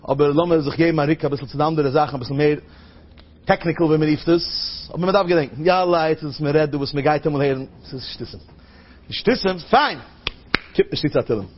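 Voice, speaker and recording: A man's voice: fairly even intonation, racing, a little hiss or hum. A man preaching. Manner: storytelling, acting out a child's high, crying voice. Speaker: rabbi giving a talk. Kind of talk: Yiddish-flavored sermon. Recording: dull lo-fi recording.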